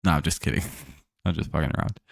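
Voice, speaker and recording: Very deep and creaky, the host's voice moves a little fast in a studio-quality recording without echo. He handles casual baseball play-by-play on a live stream, joking and chatting with viewers between plays in a laid-back way, his voice a bit worn from a day of talking.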